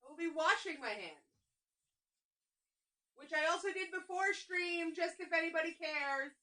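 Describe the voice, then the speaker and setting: A high-pitched woman with a Long Island accent talks to her viewers as she bakes. She chats casually, greets people by name and wanders into rambling asides between steps. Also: normal speed, pushed and bright. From New York. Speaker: livestreamer baking on stream. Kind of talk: casual chat while baking.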